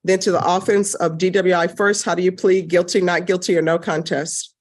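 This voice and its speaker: Woman, judge, firm, brisk, fairly low-pitched, courtroom recording. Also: little pitch movement. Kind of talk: formal courtroom proceedings.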